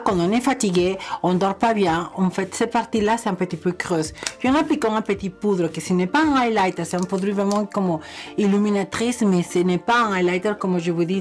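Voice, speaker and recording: A young woman with a non-native French accent talks viewers through a makeup tutorial in a relaxed, chatty way. She addresses them fondly and breaks into gushing exclamations. Faint music plays underneath her voice. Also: mid-range voice. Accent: non-native speaker of French. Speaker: beauty vlogger.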